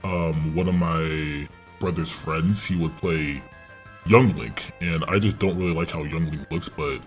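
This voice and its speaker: A young man talking through a voice changer that shifts his voice very deep, speaking in a hesitant, rambling way with many fillers. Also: fairly even intonation, measured pace, soft background music. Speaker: student posing as a stranger.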